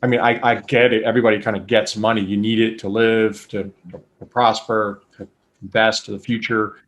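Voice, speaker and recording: A man's voice: on the low side, level tone, fairly quick, a bit bright, highs cut off. A man in his forties, born in Colombia and raised in New England, talking through his career in a thoughtful, methodical way. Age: 40s. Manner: thoughtful, methodical, with frequent restarts and fillers. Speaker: guest, engineer. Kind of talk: casual interview.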